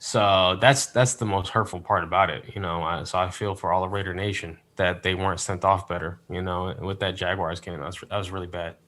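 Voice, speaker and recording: Lower-voiced bright guest storyteller. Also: male voice, fairly even intonation, fairly quick, hardly any pauses. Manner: rambling storyteller with many fillers, rueful. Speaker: podcast guest. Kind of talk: casual chat.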